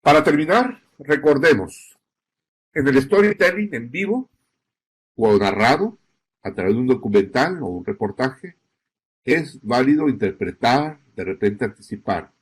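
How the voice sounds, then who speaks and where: Husky-voiced man teaching journalism. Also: medium pitch, expressive, measured pace. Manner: didactic, frequent "¿sí?" check-ins, stresses key words. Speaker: journalism instructor. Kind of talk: recorded lecture.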